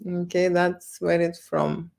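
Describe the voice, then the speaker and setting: A photo studio owner with a Lithuanian accent chats casually to viewers on a livestream, repeating words and ending lines with "okay" and "right." Her voice is lowish, gravelly and darkish, with a flat, slow delivery.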